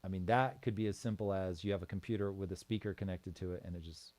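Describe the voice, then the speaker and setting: Low-voiced man hosting a livestream. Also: fairly even intonation, fast talker, a little mellow. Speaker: streamer host. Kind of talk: casual livestream chat.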